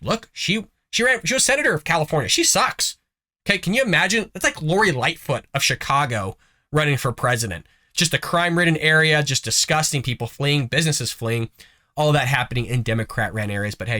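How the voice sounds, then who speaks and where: A U.S. man hosts a conservative political commentary show in a casual style, sprinkling in sarcastic, folksy remarks while congested with a cough. His tone is bright and forceful, pitched a little high.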